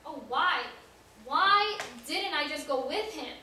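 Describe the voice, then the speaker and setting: A woman's voice: a little high, fairly even intonation, unhurried, fairly bright tone, slight background noise. A woman acting the part of a remorseful male apostle in a church drama monologue, earnest and building to pleading cries, heard from a distance in an echoey hall. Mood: anguished. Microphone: far room mic.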